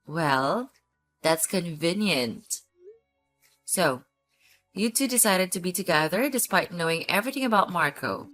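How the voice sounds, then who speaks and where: A woman's voice: lowish voice, expressive, a little slow, long pauses, fairly bright tone, faint music behind. A woman acting a cool, sarcastic betrayed ex-wife in a scripted story, speaking in a cold, curt, dry manner. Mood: dry sarcasm.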